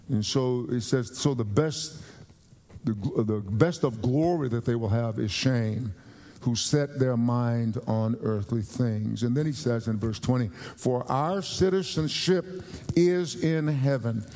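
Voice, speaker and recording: A man from the United States preaches a sermon in an earnest voice. His tone is dark and mellow, and he often repeats and restarts phrases and slows down for emphasis. The sound carries a long reverb from a church sanctuary. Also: mid-range voice.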